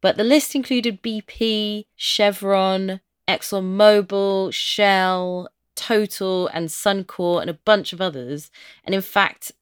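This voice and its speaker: A woman's voice: medium pitch, slow, clean tone. A woman co-hosting a podcast and working as its producer, emphatic and enthusiastic when she presents segments. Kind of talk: podcast chat and scripted segments.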